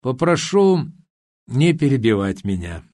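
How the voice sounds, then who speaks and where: A man reads a retired army officer turned party leader who addresses a room of powerful people in an audiobook. He speaks with calm, measured formality and a lifted, slightly animated delivery. The recording is dry, with no room sound. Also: on the high side, dry recording. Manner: measured, formal speech-making.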